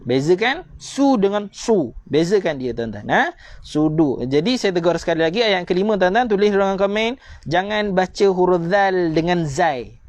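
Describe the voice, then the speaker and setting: A man with a Malaysian Malay accent teaching Quran reading in a live online lesson, drilling sounds again and again and chanting verses slowly. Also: high-pitched, lively intonation, dry recording. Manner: drills sounds by repeating, addresses viewers as "tuan-tuan".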